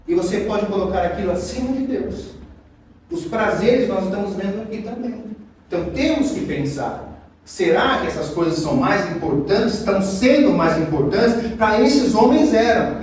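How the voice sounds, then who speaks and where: A man's voice: sits high, a little mellow. A Brazilian man preaching an expository sermon in a conversational, emphatic way with rhetorical questions. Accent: Brazilian Portuguese. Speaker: pastor. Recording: echoey hall, distant mic, faint noise.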